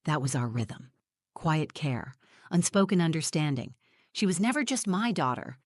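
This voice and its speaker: A woman in her forties tells a scripted story in the first person, her delivery measured and reflective. Her voice sits fairly low. The sound is close and dry, with no room around it. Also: big pitch swings, no echo. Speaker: narrator.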